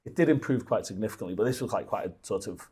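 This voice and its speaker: A man's voice: fairly low pitch, lively intonation, rapid-fire, darkish tone, slightly rough. A man in his fifties from Liverpool, a guest telling stories in a casual, rambling way with many restarts. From Liverpool, England. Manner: rambling storytelling with frequent restarts. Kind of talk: casual conversational interview.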